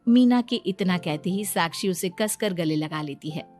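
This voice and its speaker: A woman's voice: lowish voice, animated, moderate pace, darkish tone, soft background music. A woman narrating a scripted moral story.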